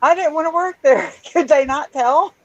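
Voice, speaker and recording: High-voiced woman with wry deadpan jokes. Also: normal speed, no echo, dull audio. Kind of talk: casual chat, joking.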